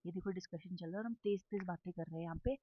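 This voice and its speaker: A woman's voice: on the low side, racing, highs cut off. Chatty young woman vlogging at home. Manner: chatty, giggly, addresses viewers as guys. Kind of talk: casual vlog with voice-over. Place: home, kitchen and drawing room. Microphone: phone camera.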